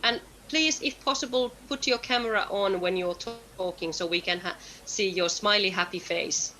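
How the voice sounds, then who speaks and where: A woman's voice: mid-range voice, normal speed, bright, forceful tone, a little hiss or hum, low-quality recording. A woman facilitating an online meeting, friendly and laughing often as she coaxes people to speak. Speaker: session facilitator.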